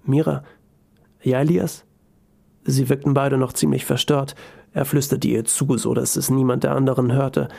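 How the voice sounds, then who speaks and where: A man narrating a story in an even, calm storytelling voice. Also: mid-range voice, normal speed, gravelly.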